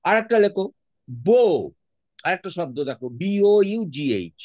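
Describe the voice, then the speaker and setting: Bengali-accented male teacher, online lesson, patient speller, animated pitch, dry sound. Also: normal speed, no room sound. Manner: patient, spells words out letter by letter; mixes English words into his speech.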